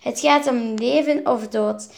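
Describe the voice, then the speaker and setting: A woman voicing an upset eight-year-old girl who pleads and shrieks in a high, strained voice. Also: measured pace, gravelly. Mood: indignant. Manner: shrill, pleading, rising pitch.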